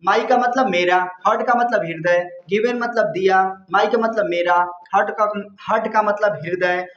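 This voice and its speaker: A man teaching a poem line by line, slowly repeating each word and its meaning. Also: high voice, fairly bright tone. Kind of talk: line-by-line poem explanation lesson. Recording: echoey dull lo-fi room sound.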